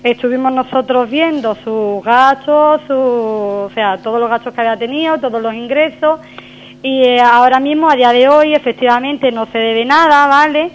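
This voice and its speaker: Woman phoning in to a radio show, high voice heard over the phone line, hesitant and full of fillers. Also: moderate pace. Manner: hesitant, many fillers and restarts. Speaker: radio caller.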